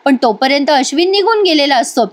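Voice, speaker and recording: A woman narrating a voice-over recap of a TV serial, retelling scenes in an animated way and addressing viewers directly. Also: high-pitched, fairly quick. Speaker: TV serial reviewer.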